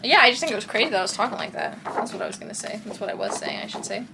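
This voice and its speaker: A woman's voice: medium pitch, expressive, rapid-fire, creaky, noisy background. A young woman from Texas with a light Texan accent, rambling in casual chat in her bedroom and often losing her train of thought. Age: young adult. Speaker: vlogger.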